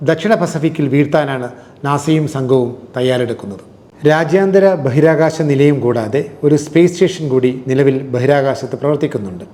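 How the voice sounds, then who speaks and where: Man narrating a fact-packed explainer. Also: fairly high pitch. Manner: steady, fact-by-fact delivery of figures and dates. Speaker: narrator of a quiz-prep explainer. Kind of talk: scripted narration.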